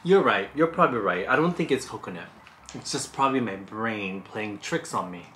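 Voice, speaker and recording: A woman's voice: extremely low pitch, expressive, normal speed, fairly bright tone, slight background noise. A woman hosting a food review, chatting casually and thinking aloud while tasting snacks.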